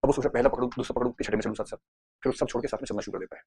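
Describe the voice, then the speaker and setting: A husky-voiced man teaching psychology in a classroom. He talks very fast and playfully, slipping into little acted scenes to make his points. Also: mid-range voice, steady tone, a little mellow. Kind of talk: classroom lecture mixing Hindi and English.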